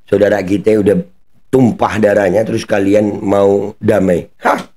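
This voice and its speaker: A man's voice: fairly low pitch, little pitch movement, unhurried, mellow. A man giving heated commentary as a channel host, talking bluntly in mocking street slang and swearing now and then.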